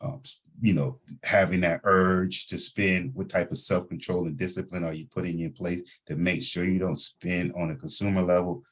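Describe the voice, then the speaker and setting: A man's voice: low voice, steady tone, moderate pace, slightly rough. A man hosting a group voice chat meeting, coaching listeners and repeating his key points to drive them home. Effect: group voice chat audio. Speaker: host of an online financial team meeting. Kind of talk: coaching a group over a voice call.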